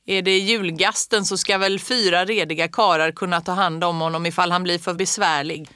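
A woman's voice: on the low side, fairly even intonation, sharp tone, smooth, dry recording, clean studio sound. A woman reading the part of a hearty older man who calls out across the house. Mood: jovial.

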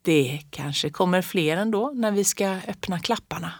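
Woman doing a sweet old granny talking low and hushed. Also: no echo, clean studio sound. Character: kind old grandmother, whispering secrets.

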